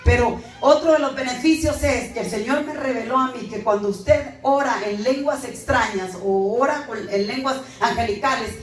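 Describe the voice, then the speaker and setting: A woman preacher from Guatemala with a Guatemalan accent, giving a fervent, emphatic sermon straight to her congregation. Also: sits high. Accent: Guatemalan Spanish. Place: church. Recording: echoey church hall, mic far off, faint noise.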